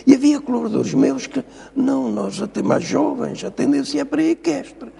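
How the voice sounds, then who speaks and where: A man's voice: very high voice, brisk, gravelly, mellow, slightly rough, long reverb tail. An older man with a European Portuguese accent, a professor explaining spelling rules in a TV interview, lecturing and insistent. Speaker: linguistics professor, guest. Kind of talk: TV studio interview.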